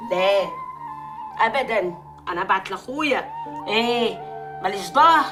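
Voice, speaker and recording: An actress playing a betrayed newlywed wife with an Egyptian accent, shouting and sobbing. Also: female voice, medium pitch, expressive, moderate pace, music in the background, close to an everyday voice. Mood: tearful. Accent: Egyptian Arabic. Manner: wailing, shouting, sobbing outbursts. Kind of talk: Egyptian TV comedy drama.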